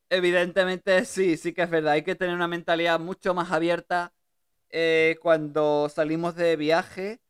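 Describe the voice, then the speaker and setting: Smooth-voiced woman hosting a chatty radio show. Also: fairly low pitch. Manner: chatty, laughs easily. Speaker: radio host. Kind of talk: casual radio chat.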